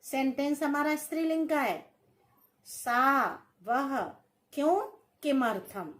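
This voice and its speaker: Very slow, deliberate woman teacher. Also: high-pitched, a bit bright. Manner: dictates word by word, stretching each word. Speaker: Sanskrit teacher. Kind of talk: slow classroom-style grammar lesson.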